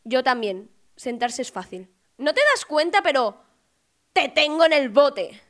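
A woman rattles off one-liners. Her voice sits high, and she stays deadpan as she plays both voices of every gag. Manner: quick deadpan one-liners, acting out both sides of each joke. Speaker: joke teller. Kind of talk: rapid-fire joke telling.

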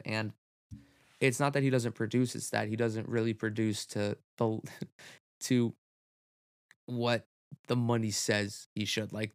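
A man's voice: medium pitch, dry recording, clean studio sound. A young man hosting a solo sports podcast, talking loosely with lots of fillers and casual swearing. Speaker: podcast host.

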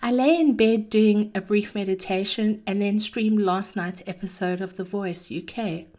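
A woman's voice: medium pitch, moderate pace, dark tone. A woman hosting a chatty, encouraging monologue with personal anecdotes, speaking in a theatrical, cheeky manner. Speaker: podcast host.

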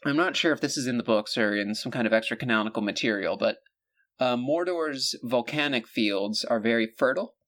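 A man's voice: mid-range voice, fairly quick, fairly bright tone. A man co-hosting a podcast in casual comedic chat, rambling with lots of fillers, restarts and jokes. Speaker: podcast co-host.

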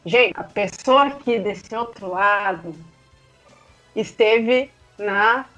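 A woman with a Brazilian accent hosting a challenge show in an excited, casual, animated way with drawn-out announcements. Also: medium pitch. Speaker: host of a quiz challenge show. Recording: dull lo-fi sound, music behind.

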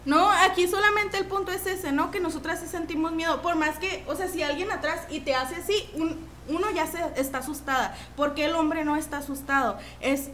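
A woman in a podcast debate with a high, bright voice. She presses hard with repeated questions, and the room around her sounds echoey. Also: brisk, hardly any pauses, slight background noise. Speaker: podcast co-host.

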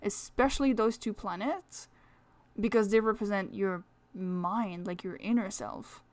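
A woman's voice: medium pitch, a little slow, a little mellow, no echo. A woman with a French accent hosting a casual solo podcast, talking in a rambling, chatty way full of fillers. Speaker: astrology podcast host.

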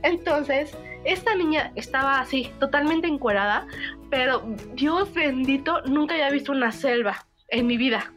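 A young woman with a Mexican Spanish accent, telling stories in an animated, laughing casual chat. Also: sits high, normal speed. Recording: faint background music.

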